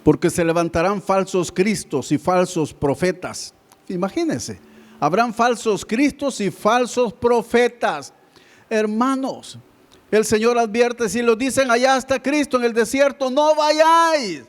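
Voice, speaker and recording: A pastor preaching a sermon, who keeps calling his listeners brother and swings between loud appeals and hushed words. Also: sits high, unhurried.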